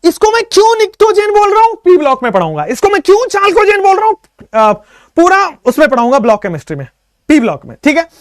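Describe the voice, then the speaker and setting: Joking with his students, a male chemistry teacher speaks fast in a high, bouncy voice that swoops up and down, teasing playfully and slipping in English phrases. Memory tricks come out as lively sing-song chants in this casual online lecture. The audio is dry and close, with no room sound.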